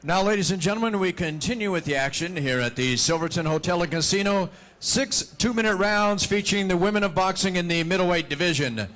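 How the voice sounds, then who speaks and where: A man working as a boxing ring announcer, formally introducing fighters with theatrical, drawn-out delivery at a live event. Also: sits high, lively intonation, fairly bright tone.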